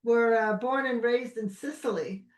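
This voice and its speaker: A woman's voice: a little high, unhurried, a crowd in the background. Brooklyn-accented woman in a roomy, distant recording. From Brooklyn, New York. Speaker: podcast host. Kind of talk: casual chat. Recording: roomy echo, distant from mic.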